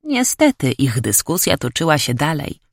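A woman narrating an audiobook in measured, even storytelling. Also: low voice, gravelly, dry recording, clean studio sound. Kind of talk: scripted narration.

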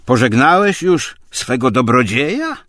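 A man voicing a coarse, spiteful man who shouts and mocks in a hoarse voice. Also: mid-range voice, sing-song, measured pace, no echo, clean studio sound, pitched above the performer's own voice. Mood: mocking. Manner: shouting, mocking, abusive.

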